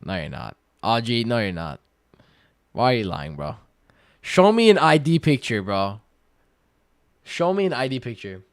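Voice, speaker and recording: A twenty-year-old man livestreaming, reading viewer questions aloud and answering in relaxed, slangy chat full of fillers. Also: medium pitch, a little slow, long pauses, smooth, no echo, studio quality. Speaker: day-trading livestreamer.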